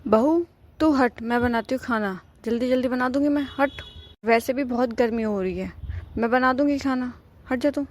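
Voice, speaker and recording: A woman's voice: a little high, normal speed, a little mellow, natural voice. A woman voicing a scheming, bossy old mother-in-law in a cartoon, scolding and nagging. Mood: falsely sweet. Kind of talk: cartoon voice acting.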